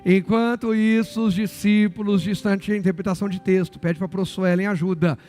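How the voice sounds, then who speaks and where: A man's voice: high-pitched, steady tone, normal speed, darkish tone, soft background music. A man with a Brazilian Portuguese accent, a pastor preaching a sermon in church, often asking the congregation questions, repeating their answers and adding joking asides.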